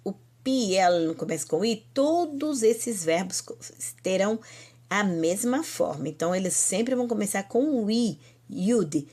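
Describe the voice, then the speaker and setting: With a Brazilian Portuguese accent, a woman teaches an online Hebrew lesson, explaining slowly and patiently and drawing out each example word while saying "então" often. Her mid-range voice is a little mellow, with lively intonation.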